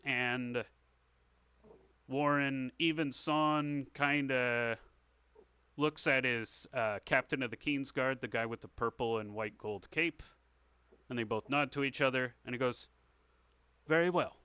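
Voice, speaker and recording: A man narrating as a tabletop game master, halting and full of fillers, over a voice call. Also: medium pitch, steady tone, pushed and bright, clear, resonant tone, no echo.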